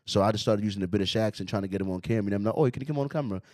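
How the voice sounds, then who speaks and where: A man, hosting a podcast and reacting to a clip in loud, profane, mocking commentary. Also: lowish voice, racing. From Brooklyn, New York. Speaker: podcast host.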